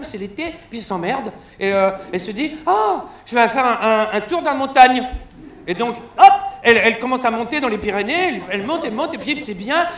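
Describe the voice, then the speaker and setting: A male stand-up comedian on a concert hall stage, telling crude, mocking stories in an animated way. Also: very high-pitched. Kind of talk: satirical stand-up press review. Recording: roomy live hall sound.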